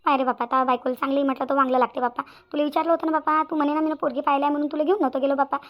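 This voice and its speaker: A woman voicing cartoon characters in a fast, chatty, complaining way. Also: high-pitched, fairly even intonation, dull audio. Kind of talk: Marathi cartoon voice acting.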